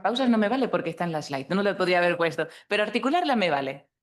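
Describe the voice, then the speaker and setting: Woman, low voice; a communication trainer talking live to an audience, practical and direct. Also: big pitch swings, rapid-fire. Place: conference hall at a law association.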